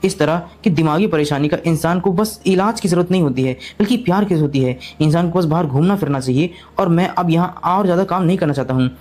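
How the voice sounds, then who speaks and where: A man's voice: a little high, quick pace, few pauses, darkish tone, natural voice. A man voicing an arrogant young male doctor who talks in a boastful, insistent way in a storybook recap. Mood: irritated.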